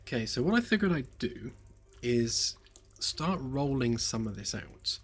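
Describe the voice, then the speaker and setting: Here the game developer's voice is medium-pitched and very animated, and he talks unhurriedly over faint lo-fi music and slight background noise. Slightly hoarse and losing his voice, he keeps up his easygoing stream chat while working, rambling and hesitant, with many fillers and jokes at his own expense.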